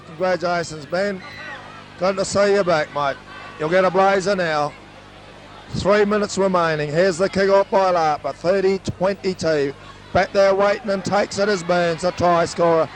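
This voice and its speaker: Calling a local rugby league game from the grandstand of a suburban oval, this play-by-play man sounds hoarse, his voice going as it sits high and climbs excitedly whenever there's a break. He's unhurried, leaving long pauses. The old amateur recording carries crowd noise throughout.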